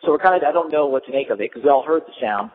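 A casual male storyteller recounts a trip in a slightly high, expressive voice at a rapid-fire pace, his speech loose, rambling and full of "like" and "you know." He sounds like he's in a large hall, heard through a tinny, phone-like line.

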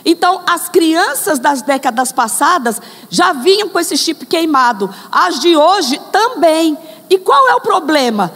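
Slow, high-voiced woman preaching. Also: very animated, a bit bright, big-room sound. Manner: addresses the congregation directly, acts out examples. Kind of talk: sermon.

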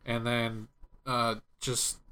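A man with an average-pitched voice chats as a podcast co-host. He talks casually about games in a critical, griping manner. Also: completely flat delivery, drawn-out words, bright, forceful tone, smooth. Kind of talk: casual gaming discussion.

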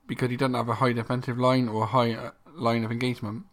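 A man's voice: medium pitch, little pitch movement, fast talker. Dry-humoured man, casual podcast talk. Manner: dry humour, filler-heavy. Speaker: podcast co-host. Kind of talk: casual chat.

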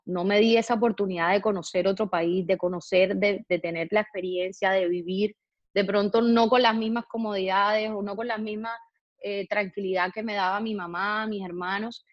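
A woman's voice: medium pitch, steady tone, no echo, muffled recording. A woman answering interview questions, reflective and hesitant, with frequent fillers and restarts. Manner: hesitant, many fillers and restarts, slow thoughtful phrasing. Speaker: interview guest, public figure.

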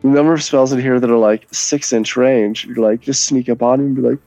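A man's voice: medium pitch, steady tone, a little fast, mellow, faint music behind, low-quality recording. A man playing a tabletop role-playing game, talking through his spell and its rules with a wry edge. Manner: wry, explains rules at length. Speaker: player. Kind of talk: casual tabletop game talk.

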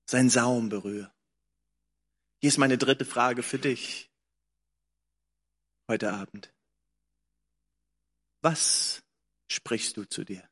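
A man preaching a sermon, moving between hushed, intimate passages and fervent, insistent calls, repeating phrases and urging "come on". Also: mid-range voice, breathy edge. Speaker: pastor. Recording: long hall reverb, slightly distant.

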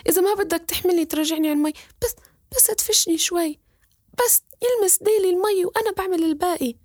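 A desperate talking fish from a folk tale pleads and repeats herself, her voice pitched far above normal speech, as a woman puts her on. She sounds small, urgent and insistent. The delivery stays dry and close. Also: racing, darkish tone, no room sound. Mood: coaxing. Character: pleading magical talking fish, mother of many.

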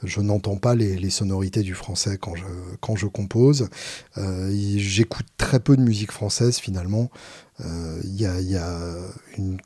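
A man's voice: sits low, normal speed, warm tone, slightly rough, dry recording. A man who sings in a band, talking casually to his viewers, hesitant with many fillers and restarts, wry and self-mocking. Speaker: singer in a band. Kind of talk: casual talk answering viewer questions.

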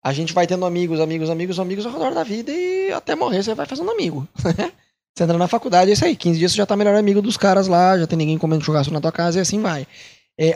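A Brazilian man with a Brazilian Portuguese accent, a missionary talking casually to the camera, animated and repeating words for emphasis. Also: high-pitched, vocal fry.

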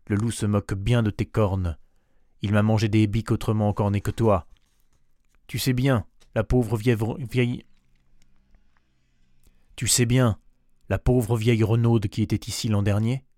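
A man playing a worried old goat farmer who pleads and exclaims, louder and higher than his narrating voice. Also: dry recording, studio quality, close to an everyday voice. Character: anxious old male goat farmer, fretful and doting.

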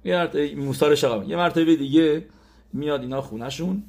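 A man's voice: on the high side, a little mellow. A man giving a sermon as a religious teacher, retelling a story animatedly with acted-out quotes.

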